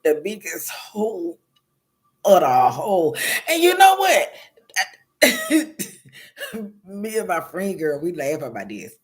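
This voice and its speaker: A man with a slightly high voice spins personal stories straight to his viewers. He talks loose and slangy, breaking into laughter often. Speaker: vlogger. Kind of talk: casual storytelling monologue to viewers.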